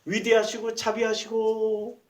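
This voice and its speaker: A man's voice: high-pitched, completely flat delivery, unhurried, poor audio. A man voicing a pompous worshipper praying in flowery, grandiose phrases. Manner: grandiose, sing-song piety.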